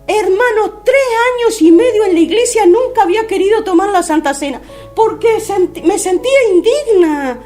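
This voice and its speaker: A woman in her fifties with an Argentine accent giving a fervent religious testimony on her radio program. She talks haltingly and keeps calling her listeners brothers. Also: extremely high pitch, a little mellow. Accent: Argentine Spanish. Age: 50s.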